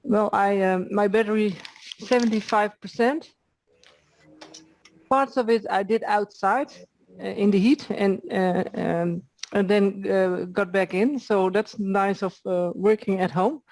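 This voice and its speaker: A woman joins an online session from home and tells a short story in a friendly way, with a few fillers. Her voice is mid-pitched. The audio is close and dry with no room sound. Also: fairly even intonation, measured pace, darkish tone, no room sound. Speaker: session participant. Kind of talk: casual story on a video call.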